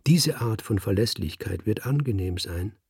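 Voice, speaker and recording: Guy voicing a sneaky tomcat in an audiobook, raspy and coaxing, bit low. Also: lively intonation, normal speed, a little mellow, dry recording, clean studio sound, exaggerated voice. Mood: scheming. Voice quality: husky, gravelly. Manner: coaxing, insinuating. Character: scheming male house cat, sly adviser.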